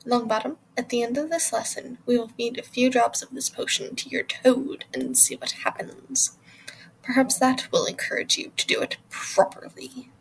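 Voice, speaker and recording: Woman acting spiteful male professor, high-pitched, disdainful, deliberate, noisy recording. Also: fairly even intonation, gravelly. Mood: menacing. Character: cold sneering male potions teacher, spiteful. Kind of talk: fan audio drama acting.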